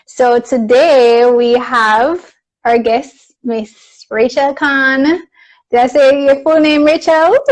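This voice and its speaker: A woman with a Jamaican accent hosting a casual live video chat, friendly and quick to laugh. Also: high-pitched, poor audio. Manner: friendly, laughs easily, slow and deliberate. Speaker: host. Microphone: video call.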